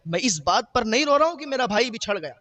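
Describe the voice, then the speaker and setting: A man's voice: extremely high pitch, sing-song, pushed and bright, no echo, voice pushed up, heavily acted. A man telling, in the first person, the words of a grieving man mourning his dead brother, in an earnest, pleading way.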